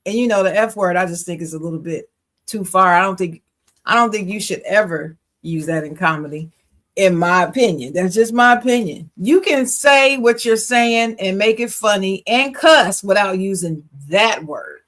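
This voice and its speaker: A woman's voice: mid-range voice, moderate pace, a bit bright. A woman co-hosting a podcast in casual chat, frank and opinionated, laughing easily. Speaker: podcast co-host.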